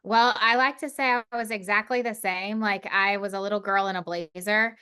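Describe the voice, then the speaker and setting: Speaking at a moderate pace with a steady, mid-range voice that's bright and forceful, this Oklahoma woman in her forties sounds clean and clear. As a consulting firm CEO appearing on a podcast, she discusses leadership casually, confident and articulate but willing to poke fun at herself.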